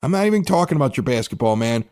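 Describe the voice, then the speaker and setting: A man's voice: medium pitch, sing-song, rapid-fire, a little mellow. Exasperated man ranting on a podcast. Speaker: podcast host. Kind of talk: casual sports podcast rant.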